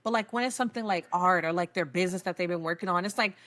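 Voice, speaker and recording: A woman's voice: on the low side, racing, fairly bright tone. A young woman co-hosting a casual podcast, rambling with lots of "like" and laughing often. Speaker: podcast co-host. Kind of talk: casual chat.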